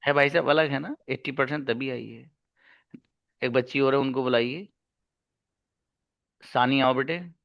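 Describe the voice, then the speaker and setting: A man's voice: mid-range voice, unhurried, creaky, long pauses, dry recording, highs cut off. A man teaching an online class, talking emphatically and calling his listeners brother. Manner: emphatic, addresses listeners as brother, switches into Arabic and English examples. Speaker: English teacher.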